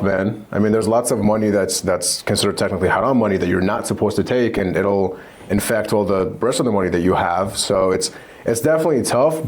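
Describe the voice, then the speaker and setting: A man's voice: on the low side, a little mellow. A man from Iraq, a guest entrepreneur on a podcast, talking conversationally and telling stories, often repeating words as he goes. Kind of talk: casual interview.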